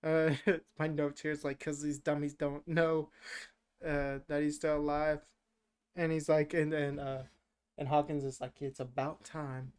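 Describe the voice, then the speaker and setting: Guy on a horror podcast rambling thru the plot, smooth clear voice, lots of uhs and likes, swears a bunch. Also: fairly high pitch, flat delivery, a little slow. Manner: rambling, filler-heavy, profane, jokey. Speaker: podcast co-host. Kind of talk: casual movie recap chat.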